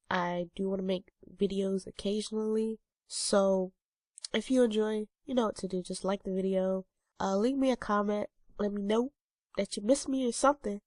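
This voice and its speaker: A twenty-something woman vlogger with a stuffy, congested nose chats casually to her viewers in a talking-head vlog, rambling with plenty of ums and uhs. Her mid-range voice has a darkish tone, and the recording is dry.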